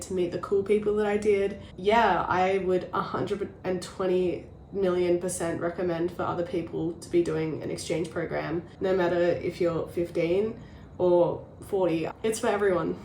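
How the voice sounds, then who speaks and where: A woman's voice: fairly low pitch, fairly even intonation, moderate pace, a little mellow, a little hiss or hum. A woman, a former exchange student, giving enthusiastic, gushing casual interview answers. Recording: echoey room.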